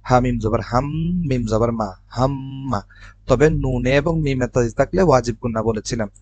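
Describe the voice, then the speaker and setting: A man teaching Quran reading, spelling out letters and vowel marks one by one and then blending the syllables slowly. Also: mid-range voice, darkish tone. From Bangladesh. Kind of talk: step-by-step recitation lesson.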